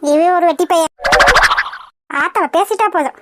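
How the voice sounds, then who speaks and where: A woman voicing a sharp-tongued old grandmother in a cartoon comedy, shrill and nagging. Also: normal speed, dry recording, clean studio sound. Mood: scolding. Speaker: cartoon voice actor.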